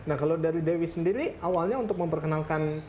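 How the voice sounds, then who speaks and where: A woman hosting a morning TV show, chatting with a guest and quickly encouraging her answers. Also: low voice. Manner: chatty, lively interviewer with quick encouraging backchannels. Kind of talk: TV studio interview. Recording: noisy TV studio.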